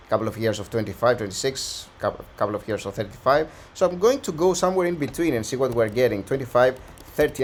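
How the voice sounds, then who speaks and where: Slightly hoarse man walking through stocks. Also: mid-range voice, a little hiss or hum. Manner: conversational, thinking aloud with frequent restarts. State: slightly hoarse, losing his voice. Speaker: stock analysis channel host. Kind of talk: casual stock analysis walkthrough.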